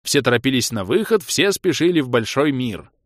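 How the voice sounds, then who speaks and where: A man reading an audiobook in an even, wry storytelling manner. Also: medium pitch, brisk, dry recording, studio quality. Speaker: audiobook narrator. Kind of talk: scripted narration.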